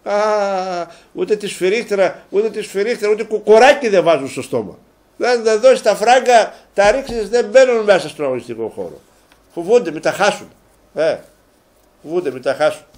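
A man's voice: high-pitched, animated. Rambling, fired-up male sports host. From Greece. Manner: rambling, repeats phrases, gets worked up and loud when ranting. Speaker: local TV sports show host. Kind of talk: casual sports talk to viewers. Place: local TV studio.

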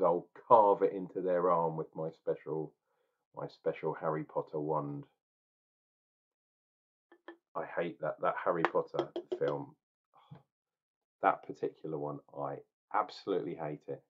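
A man in his forties with a very deep, husky voice reviews a beer at his desk in a small room at home, talking casually to a webcam. He's opinionated, rambling and jokey, and the webcam sound is dull and lo-fi.

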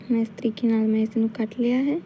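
Punjabi accent lady walking thru a recipe, real mellow dark voice, kinda flat, bit of hiss. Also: on the high side, fast, rough recording. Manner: calm step-by-step instruction. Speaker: cooking channel host. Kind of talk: cooking tutorial narration.

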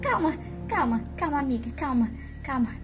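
A woman voicing Clara, a calm young woman doll in a toy play, speaking in a soothing, reassuring way. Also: sits high, moderate pace, over loud music.

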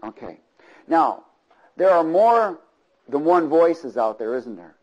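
Speaking slowly in a slightly high, sing-song voice with a darkish, breathy quality, a man delivers a sermon in church. The recording has its highs cut off. He repeats phrases rhythmically and often prompts the congregation for call-and-response agreement.

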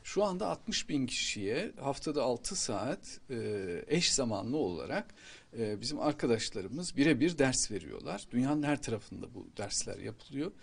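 A man's voice: mid-range voice, big pitch swings, normal speed, vocal fry, breathy edge. A man in his fifties gives a news interview as an institute president, into a handheld microphone. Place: green-screen studio.

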